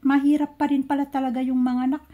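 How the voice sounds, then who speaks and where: High, mellow-voiced woman vlogger. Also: flat delivery, quick pace. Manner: chatty, searching for words with many fillers. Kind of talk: casual storytelling.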